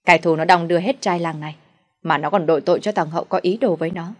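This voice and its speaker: A woman's voice: on the low side, fast talker, natural voice. A woman voicing a shrewish middle-aged stepmother who scolds, curses and wails for the village to hear. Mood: taunting. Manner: scolding, cursing, wailing to the village.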